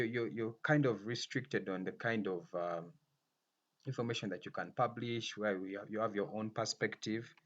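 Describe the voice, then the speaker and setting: A man leading an online class discussion, taking turns and summing up students' points in a measured way. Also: lowish voice, dull audio. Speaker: lecturer. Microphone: video call.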